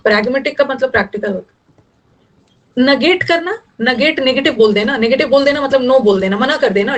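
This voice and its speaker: A woman's voice: high voice, low-quality recording. A young woman teaching English vocabulary in Hindi, explaining word meanings and teasing her students a little. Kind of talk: online vocabulary lesson.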